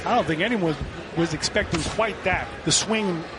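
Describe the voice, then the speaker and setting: A man's voice: sits high, normal speed. A man giving conversational boxing commentary on a live broadcast. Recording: very noisy live venue.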